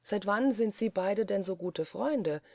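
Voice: mid-range voice, expressive, a little slow, gravelly, a little mellow, no room sound, clean studio sound. A reader voicing a troubled young woman in an audiobook, earnest and reproachful. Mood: wondering. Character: uneasy young woman, the doctor's sister. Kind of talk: audiobook character voice.

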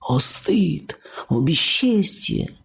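A man's voice: a little high, sing-song, vocal fry, a bit bright, breathy edge, voice pushed up, exaggerated voice. A man doing wailing old Martian witches. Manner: wailing, drawn-out shaming cries. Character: gossiping old Martian witches, a shaming chorus.

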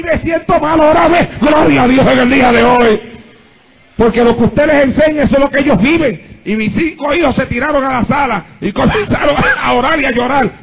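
A male pastor delivers a fervent sermon in a high, gravelly voice with a husky edge, breaking into cries of praise and climbing into impassioned shouting. The recording is dull and lo-fi. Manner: fervent preaching with frequent praise interjections.

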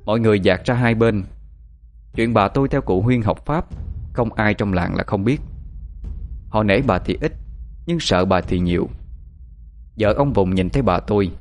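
Low-voiced storyteller. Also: male voice, moderate pace, pauses often, faint music behind. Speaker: narrator. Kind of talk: storytelling narration.

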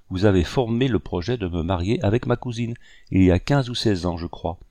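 A man's voice: lowish voice, gravelly, dark tone, no room sound. A man doing a cool, formal young man. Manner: polite, coldly composed.

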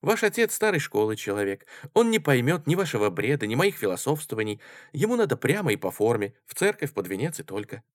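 A man's voice: mid-range voice, big pitch swings, a little fast, hardly any pauses, dry recording, studio quality, close to an everyday voice. A man reading an audiobook, voicing a cool, dismissive male student who talks in a firm, lecturing way. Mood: businesslike.

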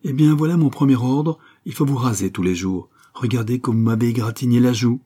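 A man reading a novel aloud, voicing a refined young woman who gently scolds and pleads with her fiancé. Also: mid-range voice, brisk, breathy edge, pitched above the performer's own voice, lightly acted. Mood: playful. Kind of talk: audiobook character reading.

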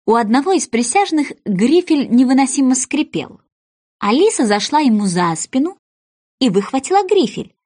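A woman narrating a children's storybook in a playful, expressive reading. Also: high voice, normal speed.

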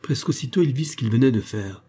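Husky, dark-voiced male narrator. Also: mid-range voice, expressive, fast. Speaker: audiobook narrator. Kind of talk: scripted narration.

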